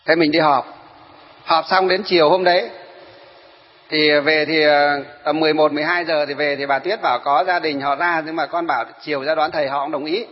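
A man, a Buddhist monk telling an animated story in a sermon and speaking straight to his listeners. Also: fairly high pitch, a little fast. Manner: animated, addresses listeners directly. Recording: dull sound with long hall reverb.

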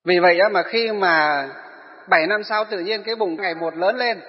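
A man's voice: sits high, normal speed. A man telling a Buddhist story as a sermon. He keeps posing rhetorical questions and then answers them himself. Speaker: Buddhist preacher. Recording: echoey hall, dull lo-fi sound.

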